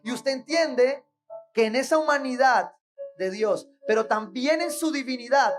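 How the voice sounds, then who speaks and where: A woman's voice: high voice, a little slow, faint music behind. A woman preaching a sermon in church, asking rhetorical questions and checking in with the congregation.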